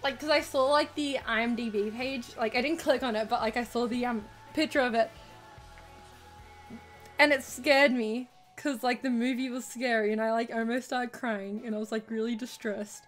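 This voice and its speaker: A woman's voice: on the high side, fairly even intonation, moderate pace, faint music behind. A woman chatting casually with her livestream viewers in a giggly, informal way, with some casual swearing.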